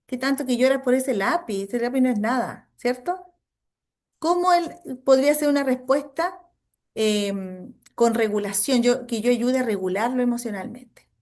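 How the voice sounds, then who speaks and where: A woman's voice: fairly high pitch, moderate pace, darkish tone. A Chilean woman, a psychologist leading a training class, explaining with examples and acting out what she says to children. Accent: Chilean Spanish. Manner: checks in often with "cierto?". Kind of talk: online training lecture.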